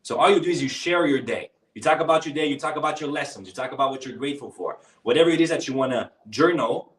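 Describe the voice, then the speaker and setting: A workshop host and speaking coach runs a live online workshop, casual and encouraging, calling participants brother and bro in an upbeat coaching style. He speaks English as a non-native, talking fast in a mid-range, fairly bright voice that sounds reverberant and recorded from a distance.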